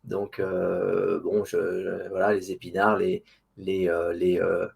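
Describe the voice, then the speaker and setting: A man's voice: low voice, monotone, takes it slowly, gravelly, crowd noise. A man answering casually as an interview guest, hesitant and often repeating words while he searches for the next one. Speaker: interview guest, online diet group administrator.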